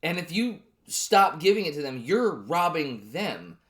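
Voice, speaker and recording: Profane, heated vlog ranter with lively pitch. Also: measured pace. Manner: repeats words and restarts when worked up. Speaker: vlogger. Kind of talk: ranting monologue to camera.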